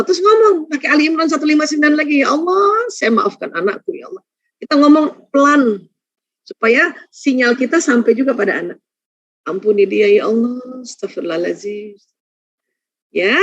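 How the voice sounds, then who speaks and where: High-voiced woman giving a parenting seminar. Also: no room sound. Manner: animated, acts out quoted voices of mother and child. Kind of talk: religious parenting seminar talk. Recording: dull muffled dry recording.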